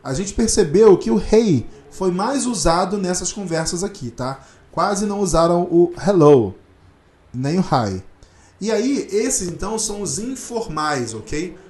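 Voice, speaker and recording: Male teacher with a fairly high voice, patient and chatty, recorded in an echoey room. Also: animated, darkish tone. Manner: explains slowly and often checks in with "né?" and "ok?". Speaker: English teacher. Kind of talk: casual online English lesson.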